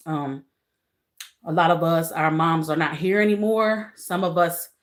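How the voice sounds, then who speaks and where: A middle-aged woman hosting a casual live stream. She greets viewers by name, repeats her phrases and talks earnestly and emotionally about grief. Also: lowish voice. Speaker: livestream host.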